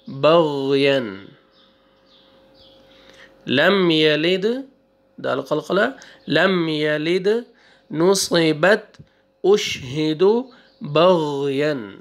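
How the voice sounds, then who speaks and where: A male Quran teacher spelling out syllables one by one, drawing out the recited words and giving quick asides between them. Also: a little high, gravelly. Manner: slow drawn-out recitation, then quick asides. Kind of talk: spelling out syllables in a reading lesson.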